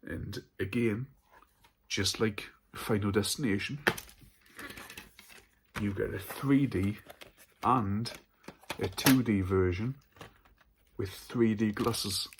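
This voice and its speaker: A man's voice: on the low side, takes it slowly, pauses often, background noise. A man hosting a casual haul vlog about horror films, chatty and stumbling over his words at times. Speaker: horror film channel host.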